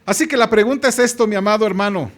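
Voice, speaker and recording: A man's voice: high-pitched, quick pace. A man with a Mexican Spanish accent preaching a sermon in a church, stretching out key phrases and calling on the congregation to read along. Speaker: pastor.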